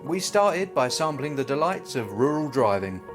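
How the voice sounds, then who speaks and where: A man's voice: fairly high pitch, big pitch swings, normal speed. A man narrating a scripted travel show as an upbeat host, with playful, wry storytelling. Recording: loud music bed behind voice. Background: guitar music.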